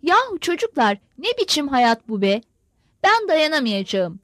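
A woman's voice: high voice, very animated, moderate pace, a bit bright, no echo, studio quality. A woman voicing a bored male Cossack soldier who grumbles about army life. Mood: grumbling.

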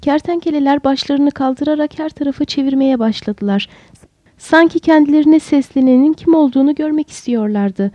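A woman reading a story aloud as a narrator, in a calm, steady way. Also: high-pitched, fairly quick, dry recording. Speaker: audiobook narrator. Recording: dull lo-fi dry recording.

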